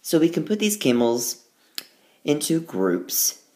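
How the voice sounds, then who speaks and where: The recording is a tablet screencast in which a male teacher reads rhymes slowly and without hurry, his sing-song pitch swinging widely and lively. When he moves on to explaining the counting, his voice settles, as the picture book reading gives way to math.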